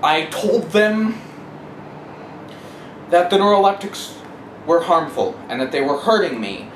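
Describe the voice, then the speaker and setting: Personal testimony comes from an emphatic interviewee whose mid-range voice is sing-song and measured in pace. The interview takes place in an echoey room with clear background noise.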